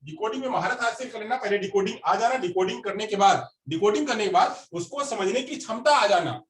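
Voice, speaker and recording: High-voiced man lecturing a class. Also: expressive, brisk. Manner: repeats phrases, quizzes the class. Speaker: teacher. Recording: roomy classroom recorded from a distance.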